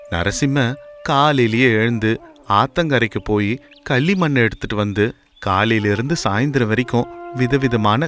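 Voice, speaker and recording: A man telling a moral story in scripted, measured storytelling narration. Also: mid-range voice, a bit bright.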